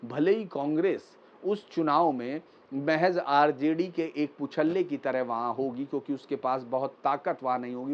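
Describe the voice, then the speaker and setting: A man delivering political news commentary in a measured, explanatory way, with frequent pauses and fillers. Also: medium pitch. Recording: slightly dull lo-fi recording.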